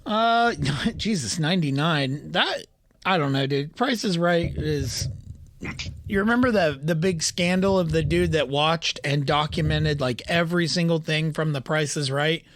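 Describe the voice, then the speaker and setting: A man's voice: on the high side, unhurried, a bit bright. A man in his thirties co-hosting a casual podcast, laughing often and swearing while bantering over a ranked list. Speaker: podcast co-host. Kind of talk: casual chat.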